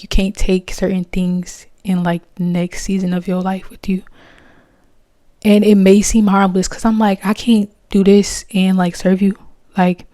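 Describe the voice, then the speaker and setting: A woman's voice: mid-range voice, a little mellow, dry recording, clean studio sound. A young woman hosting a podcast, talking candidly and casually about faith, with plenty of slang. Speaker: podcast host.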